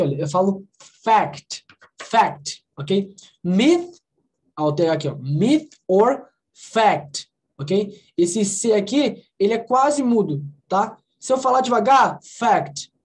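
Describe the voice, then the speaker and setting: A woman teaching English in an online class from a Brazilian Portuguese accent, explaining pronunciation slowly and checking in with her students. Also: medium pitch, a little mellow, rough recording. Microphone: video call.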